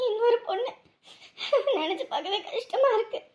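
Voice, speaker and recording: A woman's voice: extremely high pitch, expressive, moderate pace, darkish tone, echoey room. A woman playing a heartbroken young woman who talks tearfully about the man she loved. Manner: tearful, plaintive. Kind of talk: web series acting.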